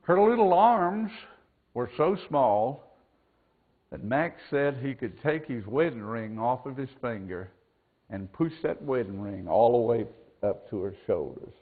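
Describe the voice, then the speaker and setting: Slow-preaching man at a pulpit microphone. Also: mid-range voice, expressive. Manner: slow, deliberate preaching that drops to a hush and swells up again. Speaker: pastor. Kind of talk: sermon. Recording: tinny lo-fi church recording.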